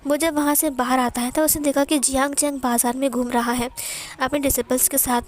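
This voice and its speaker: A woman narrating a fan fiction story aloud in a plain, steady way. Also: sits high, brisk.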